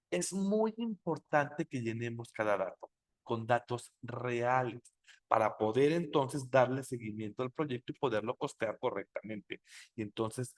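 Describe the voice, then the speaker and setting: A man teaching a software tutorial, explaining slowly and checking in with rhetorical questions. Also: mid-range voice. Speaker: software instructor. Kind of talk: screen-recorded tutorial explanation.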